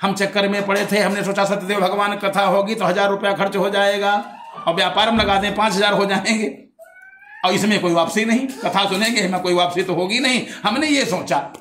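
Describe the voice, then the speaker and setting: A boastful merchant who lies, then pleads and makes excuses, as a male storyteller puts him on. The voice sits high and bright. The room gives it a clear echo. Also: fairly even intonation, a little fast, a little hiss or hum. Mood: explaining.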